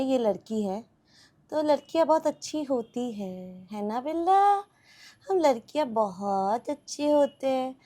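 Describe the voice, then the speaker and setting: A woman's voice: medium pitch, dark tone. A young woman vlogging at home, cooing at her cats and playfully scolding them while chatting to viewers. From India. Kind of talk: casual vlog talk to pet cats and viewers.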